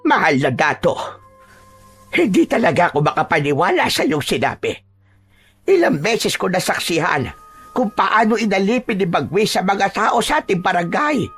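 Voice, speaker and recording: A woman's voice: mid-range voice, big pitch swings, moderate pace, fairly bright tone, breathy edge, soft background music. A woman voicing a worried, vengeful older village woman in a narrated horror audio drama, speaking heatedly and with suspicion. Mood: doubtful.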